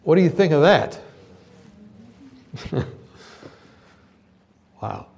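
A man's voice: on the high side, expressive, extremely slow, creaky, a little mellow, highs cut off. A middle-aged man preaching a humorous sermon at a university gathering. He teases his listeners, laughs through his own stories, and gets the crowd to answer his questions.

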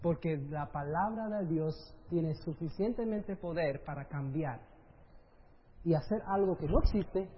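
A man's voice: on the high side, measured pace. A middle-aged male preacher giving a sermon, keeping the crowd engaged with constant "right?" questions and English phrases dropped into his speech. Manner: keeps asking the audience "right?", with rhetorical questions. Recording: dull lo-fi sound with faint hiss.

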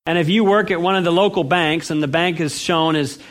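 A man leading a Bible study, asking the audience questions, answering them himself, and reading scripture slowly with emphasis. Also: on the high side, steady tone. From United States. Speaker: Bible teacher. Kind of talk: interactive Bible study lecture.

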